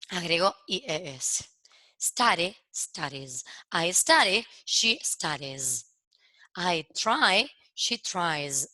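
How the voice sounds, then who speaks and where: Bright woman teacher, walks kids through english verb endings one by one, keeps asking ok?, dry close sound. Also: medium pitch, no room sound. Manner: explains step by step, checks in with "¿ok?" after each point; switches between Spanish explanation and English examples. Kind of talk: recorded grammar lesson for kids.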